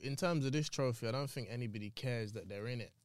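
A man's voice: medium pitch, quick pace, a little hiss or hum. A man chatting casually about football, slangy and easygoing. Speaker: podcast co-host.

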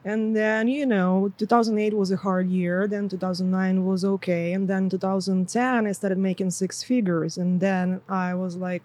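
A woman's voice: medium pitch, fairly even intonation, normal speed, few pauses, darkish tone. A woman in her thirties from Ukraine, a podcast guest who talks loosely, laughs often and swears freely. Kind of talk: casual podcast chat.

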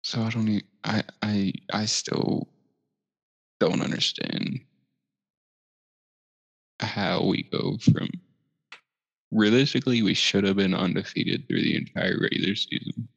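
A man talks sports slowly and casually, with a gravelly, fry-laden voice sitting a bit low. He sounds laid-back and swears freely. The recording is dull and lo-fi, with a lingering roomy echo. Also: fairly even intonation. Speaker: podcast co-host.

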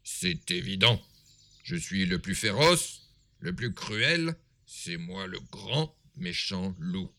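A big bad wolf who brags and swaggers, his gravelly voice full of self-satisfaction, as a man reading a storybook puts him on. The delivery is slow and bright, with a pitch that swings widely. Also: very animated, exaggerated voice. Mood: boastful.

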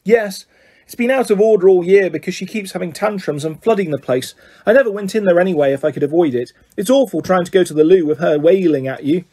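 A man's voice: high voice, fast talker, dark tone. A man voicing a clever, earnest teenage schoolgirl who speaks knowingly.

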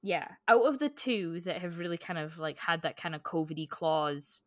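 A woman co-hosts a podcast, chatting casually and candidly about books. Her fairly low, fairly bright voice is expressive and moves at a normal speed, recorded in studio quality with no echo.

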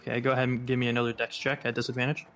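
A man's voice: mid-range voice, monotone, racing, a bit bright, soft background music. A man narrating and running a tabletop role-playing game as game master, describing scenes plainly.

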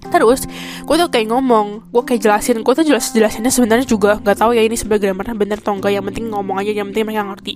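A woman's voice: mid-range voice, fairly even intonation, rapid-fire, music in the background. A young woman from Indonesia hosting a podcast, telling a story in a casual, chatty way full of fillers. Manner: chatty, full of fillers like "kayak" and "gitu kan". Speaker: podcast host. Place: a room in Taiwan.

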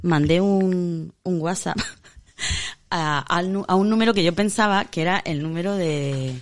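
A woman's voice: on the low side, unhurried, no room sound, studio quality. A woman in her fifties chatting casually as a podcast co-host, telling an anecdote with lots of laughter and acted-out dialogue. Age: 50s. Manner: laughing storyteller, mimics dialogue. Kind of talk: casual chat.

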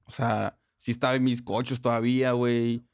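A man's voice: mid-range voice, level tone, moderate pace, no echo. Slangy young northern Mexican man, dry recording. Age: young adult. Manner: profane, heavy street slang. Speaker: interview guest. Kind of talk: casual slangy chat.

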